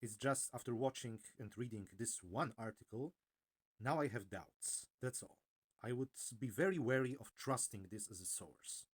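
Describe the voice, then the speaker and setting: A man presenting an informal technical explainer in a hesitant, halting way, often correcting himself. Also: mid-range voice, slightly rough. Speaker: video presenter.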